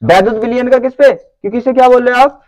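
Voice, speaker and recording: A man's voice: very high voice, quick pace, a little mellow, no echo, low-quality recording. A man teaching a lecture who keeps asking the class whether they follow. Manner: checks understanding with repeated questions.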